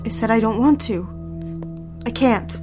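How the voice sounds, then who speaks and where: A woman with a fairly high voice, lightly acting at a measured pace, plays an anxious, submissive young wife recalling a troubled marriage in dramatic audio fiction mixing dialogue and confessional narration. Fearful and pleading, she hesitates and repeats herself, with music behind her voice.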